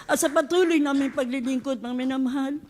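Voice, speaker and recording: Fervent high-voiced woman giving testimony. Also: a little fast, darkish tone, a little hiss or hum. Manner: fervent, repeats a fond address to the congregation often. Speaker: church member giving testimony. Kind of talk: emotional church testimony.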